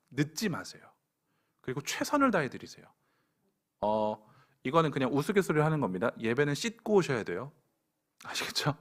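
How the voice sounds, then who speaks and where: Male pastor, young adult, sermon, playful asides, direct to the crowd, high voice. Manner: lively, pointed preaching with playful asides and direct commands to the congregation.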